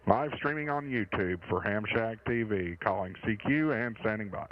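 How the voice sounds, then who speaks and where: A man making a steady, rhythmic call for contacts as a ham radio operator, heard as muffled radio transmission audio. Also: lowish voice, normal speed, background noise. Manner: steady, rhythmic phonetic call-sign recital.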